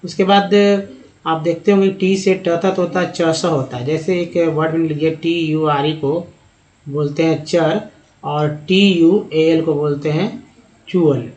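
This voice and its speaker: A man's voice: a little high, steady tone, darkish tone, a little hiss or hum. A man teaching English reading, explaining sounds patiently and spelling out words letter by letter. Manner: slow, spells out letters one by one. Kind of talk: explanatory lesson narration.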